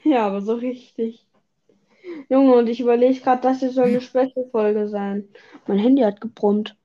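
A woman's voice: a little high, steady tone, moderate pace, lo-fi sound. A young woman hosting a casual podcast chat, teasing and exclaiming in slangy talk. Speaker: podcast host. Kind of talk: casual chat while gaming.

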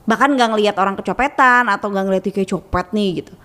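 A woman co-hosting a casual podcast chat, telling travel stories in a chatty, animated way. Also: mid-range voice, quick pace, big-room sound. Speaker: podcast co-host.

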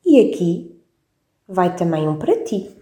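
A woman's voice: on the low side, sing-song, unhurried, dark tone. A woman voicing a cheerful, affectionate father in a friendly, reassuring voice. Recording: roomy echo.

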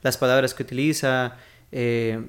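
Man, costa rican accent, podcast guest, relaxed reflective chat, slangy, mid pitch. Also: unhurried. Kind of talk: casual chat.

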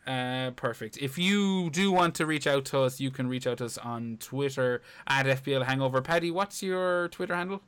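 Irish man hosting, medium-pitched voice. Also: moderate pace, hardly any pauses, fairly bright tone, clean tone. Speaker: podcast host. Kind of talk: casual banter, swearing freely.

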